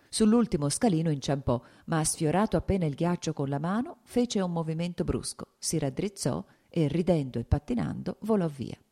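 A woman reads a classic novel aloud in a steady, measured way. Her voice is low-pitched and dark, mellow rather than bright. The delivery is even and unhurried. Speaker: audiobook narrator. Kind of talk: scripted novel narration.

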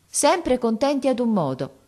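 A woman's voice: on the high side, sing-song, unhurried, a little mellow, voice pushed up. A woman reading aloud and voicing a resolute, loving young girl who pleads earnestly and insistently.

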